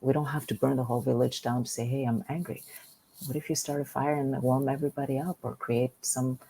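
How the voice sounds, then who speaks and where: A woman's voice: extremely low pitch, fairly even intonation, a little fast, warm tone, slightly rough, poor audio. A woman from Greece, a guest on a business podcast, speaking earnestly and often repeating words as she starts a thought. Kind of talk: podcast interview.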